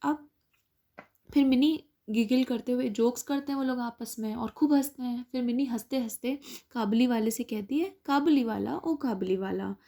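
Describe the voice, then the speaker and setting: A woman teacher with a somewhat high, mellow voice. She reads lines of a story slowly and deliberately, then goes back over them in a patient, explaining tone, as if walking young pupils through a lesson. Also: steady tone. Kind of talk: explaining an English lesson in Hindi.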